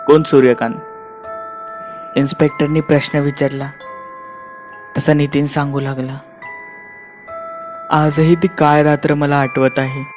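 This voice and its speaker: Male horror storyteller over soft chimes. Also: on the high side, level tone, faint music behind. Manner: dramatic, measured storytelling. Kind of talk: scripted horror narration. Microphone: lavalier mic.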